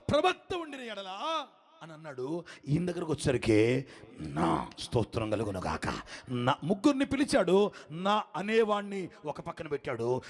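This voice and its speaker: A man preaching a sermon as pastor, calling on the congregation to answer back and swinging between shouted lines and quiet asides. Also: on the high side. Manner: preaching with call-and-response to the congregation.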